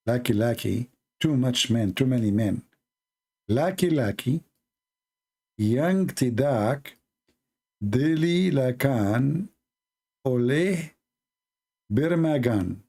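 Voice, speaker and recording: A man talks slowly through a late-night livestream, halting and mocking with sarcastic asides. His voice has a gravelly fry running through it. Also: mid-range voice, warm tone. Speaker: online debate streamer.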